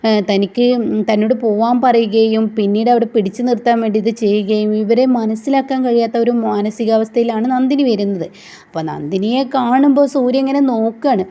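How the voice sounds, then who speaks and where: A woman's voice: on the high side, brisk, dark tone. A woman casually retelling a TV serial episode in a chatty way, in a dull lo-fi recording. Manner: chatty, with a tag word after many sentences. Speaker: serial recap storyteller. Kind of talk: casual story recap.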